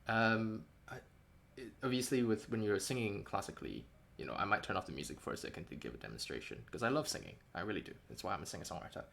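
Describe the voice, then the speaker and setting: An indie game developer streams a devlog, chatting casually and wryly with a light New Zealand English accent. His voice is fairly low, creaky, and fairly bright, with lively intonation, and he talks fast with hardly any pauses. He rambles and often corrects himself.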